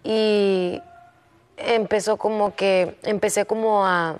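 A young woman, a contestant, telling her teacher a personal story in a soft, hesitant way, often stopping and restarting her sentences. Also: medium pitch, fairly even intonation, takes it slowly, clean tone. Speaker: singing competition contestant.

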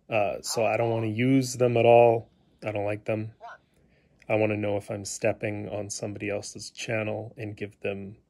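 A hobbyist in his living room demonstrates a gadget, talking his way through a casual, unscripted tutorial in a hesitant, meandering fashion. His voice is fairly low in pitch, creaky, and somewhat dark in tone.

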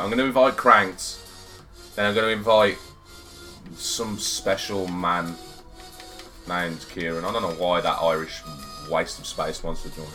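A man streaming a football video game live, excitable and swearing freely as he banters with his chat through a headset. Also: sits low. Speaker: gaming streamer.

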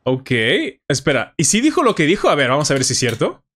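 A man with a Mexican Spanish accent giving casual, animated reaction commentary on someone's English. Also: a little high, fast. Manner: animated, enthusiastic, frequent fillers. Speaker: YouTuber analyzing English.

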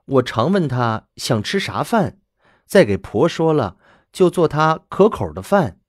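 A man voicing a timid, deferential young bride of nineteen, speaking softly and humbly. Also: fairly high pitch, very animated, a little slow, no echo, studio quality, pitched above the performer's own voice. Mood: eager. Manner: soft, humble, eager to please.

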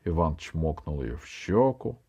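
A man reading a children's story aloud as narrator, in an unhurried, expressive way. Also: extremely low pitch, slightly rough. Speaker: audiobook reader.

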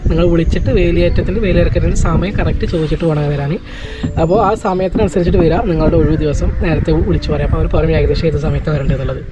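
A man's voice: on the high side, fairly even intonation, rapid-fire, over a noisy crowd. A man narrating a casual travel vlog, mixing English words into his Malayalam. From Kerala, India. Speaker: travel vlogger. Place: outdoors on a small boat in mangroves. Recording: music over outdoor vlog audio. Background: prominent music.

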